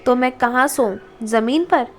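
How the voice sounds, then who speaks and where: A woman's voice: sits high, moderate pace, a little hiss or hum, close to an everyday voice. A woman reading the lines of a stubborn young husband and father who bickers sarcastically with his wife, in an audiobook. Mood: mocking.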